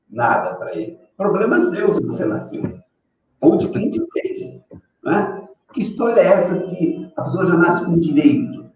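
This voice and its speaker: Older guy rambling on a live stream, keeps tagging né, sounds far off in an echoey room, dull muffled audio. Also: a little high. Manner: rambling, frequent "né?" tags and filler "é". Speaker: professor guest on a live stream. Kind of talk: casual opinion talk. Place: room on a live video call. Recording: distant, echoey, dull lo-fi sound with faint noise.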